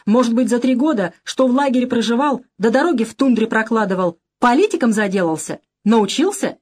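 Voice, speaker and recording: A shrieking, contemptuous male ringleader from an audiobook, as a woman reader puts him on. His voice climbs high and sharp with scorn, hysterical when cornered. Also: animated, a little fast. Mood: shrill scornful. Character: shrill, scheming male camp ringleader, hysterical. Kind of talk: audiobook character voice.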